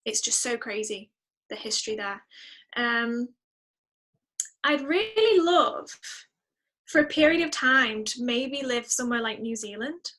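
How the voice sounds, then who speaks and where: With long pauses and a slightly slow pace, a woman musician guesting on a podcast chats casually and expressively. Her very bright, fairly high voice carries reflective, enthusiastic thinking-out-loud.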